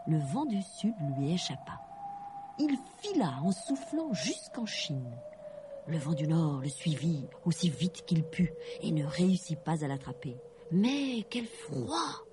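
A woman reading a children's story aloud in a gentle, expressive way, over background music. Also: low voice, slight background noise.

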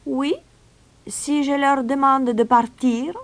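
A woman voicing a calm, sly young male stranger who plays the pipe, speaking softly and slowly in a storybook reading. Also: high-pitched, voice pushed up. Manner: calm, soft, drawn-out.

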